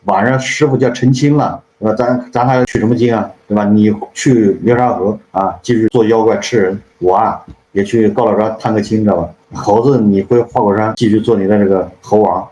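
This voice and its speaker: A man voicing a lazy, greedy male pig disciple who whines and gives up quickly, in a casual retelling. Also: on the low side, steady tone, mellow, slight background noise, natural voice. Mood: grumbling. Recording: roomy, dull lo-fi sound.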